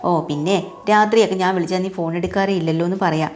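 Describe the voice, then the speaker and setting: A woman's voice: fairly low pitch, fairly even intonation, fast talker, a little mellow, slight background noise, lightly acted. A woman voicing a sulky, demanding young man who talks in an accusing way.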